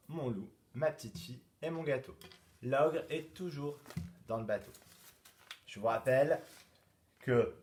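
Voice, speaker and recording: A male teacher giving a home-schooling lesson to young children, explaining a puzzle slowly and clearly, then speaking to parents. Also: medium pitch, a little mellow, a little hiss or hum. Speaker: kindergarten teacher.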